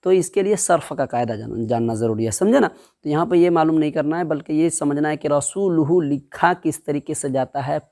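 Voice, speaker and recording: A man with a fairly high, warm voice gives a step-by-step lesson in Quran reading. He drills the syllables slowly, asking his own questions and then answering them.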